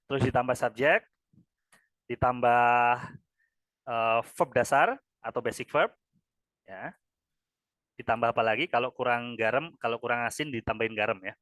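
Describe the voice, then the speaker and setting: A man's voice: medium pitch, fairly bright tone, no room sound. A man with an Indonesian accent teaching English grammar to a class, ending nearly every phrase with "ya" and drilling answers. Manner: repeats "ya" after each phrase, drills answers with students.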